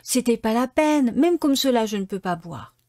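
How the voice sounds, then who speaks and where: A woman's voice: expressive, normal speed, no room sound, clean studio sound, close to an everyday voice. A woman voicing a cheeky, stubborn wooden puppet boy in a storybook reading, whiny and pleading. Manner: whiny and pleading, high and loud.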